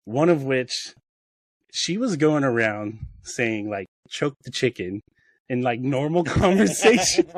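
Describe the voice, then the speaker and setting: A man's voice: mid-range voice, lively intonation, takes it slowly, no echo. A man on a podcast call, telling rambling stories with many restarts and laughing at his own jokes. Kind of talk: casual chat, storytelling.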